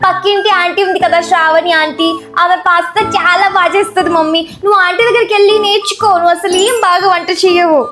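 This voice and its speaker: A teary little schoolgirl whines and pleads in a very high, drawn-out voice, played by a woman in a comedy skit. Her lines come slow and stretched. Music plays underneath throughout. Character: whiny little schoolgirl daughter, easily teary. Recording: background music.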